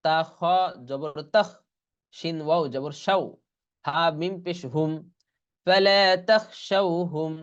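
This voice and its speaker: Recorded during an online class, a man teaches Quran reading in a clear, resonant, somewhat high voice with lo-fi sound. He deliberately spells letters and vowels one at a time, then lengthens each whole word.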